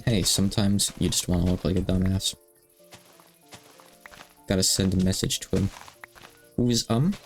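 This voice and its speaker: A man's voice: sits low, fairly even intonation, normal speed, long pauses, faint music behind. A man in his thirties chatting casually on a livestream, rambling and self-deprecating with lots of fillers. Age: 30s. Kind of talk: casual stream chat.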